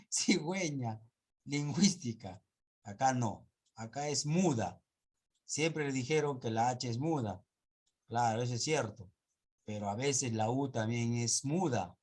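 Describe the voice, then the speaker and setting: A man's voice: mid-range voice, a little slow, darkish tone. A male teacher giving a pronunciation class, patiently repeating sounds and checking that students follow. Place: online class in 2021.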